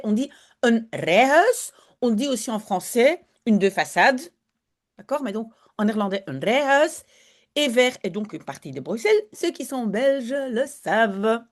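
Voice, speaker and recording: A chatty woman gives an online language lesson. Her voice sits a little high and swoops up and down, lively as she explains. She breaks off to slowly sound out words. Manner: chatty and lively, apologizes for digressions, models pronunciation slowly. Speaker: Dutch teacher.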